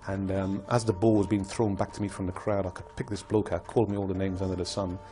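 An older former footballer speaks in a fairly low voice, calm and reflective as he recounts his playing years. Soft music plays faintly behind him in this documentary interview. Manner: reflective, measured storytelling.

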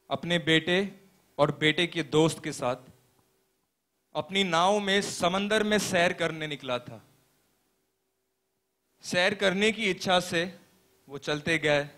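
A young man playing a pastor in a stage play, telling a parable as a sermon in a slow, earnest preaching manner with deliberate pauses. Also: high voice, fairly bright tone. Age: young adult.

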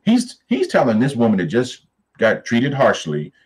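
A man's voice: mid-range voice, wildly swooping pitch, normal speed, darkish tone, low-quality recording. A man teaching a Bible study to viewers, emphatic and preacherly, with folksy asides to his audience.

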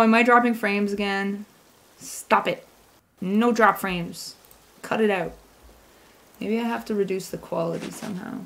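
A young woman with a mid-range, vocal-fry voice that sounds sore streams from her room at home, with poor audio, slight hiss or hum, and a desk mic set back. She chats playfully with her viewers while gaming, talking to chat in casual live-stream fashion.

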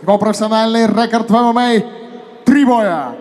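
Man, ring announcer, high voice, booming stage introductions, drawn-out shouted names, handheld mic in arena. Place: large indoor arena, inside the fight cage. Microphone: handheld microphone.

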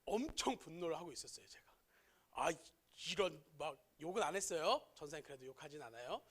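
A man's voice: fairly high pitch, lively intonation, brisk, fairly bright tone, husky. A man preaching a sermon to teenagers as their youth pastor, often asking his listeners questions and telling an everyday story to make his point.

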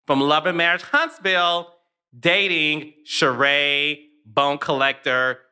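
A man's voice: fairly high pitch, takes it slowly, sharp tone, smooth. A man hosting a casual gossip podcast, telling stories animatedly and laughing often. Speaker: podcast host.

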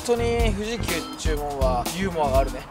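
A young man with a Kansai accent in casual outdoor banter, reacting in an animated, exclamatory way. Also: fairly high pitch, normal speed. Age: young adult. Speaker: member of a video group. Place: outdoors at an amusement park. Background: loud music.

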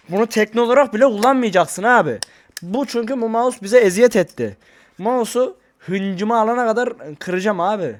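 A man talking casually to his viewers in a vlog, rambling and excitable, into a desk microphone. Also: sits high. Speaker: YouTuber. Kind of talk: casual vlog talk to camera.

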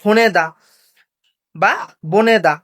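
A woman teacher walks through a language lesson one step at a time. She asks a question, answers it herself, and says each sound again slowly. Her voice sits in an ordinary middle pitch.

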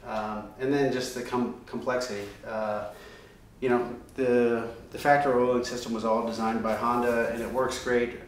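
In a workshop room with a chalkboard, a man in his thirties casually explains his race car's oiling system, loose and conversational with many ums and restarts. His mid-range voice is a bit off-mic in a very echoey room, with distant pickup and a little hiss or hum.

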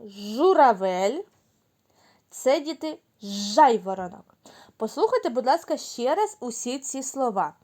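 A woman teaching a phonics lesson to small children, giving slow, clear, sing-song instructions. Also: sits high, very animated, darkish tone. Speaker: kindergarten teacher.

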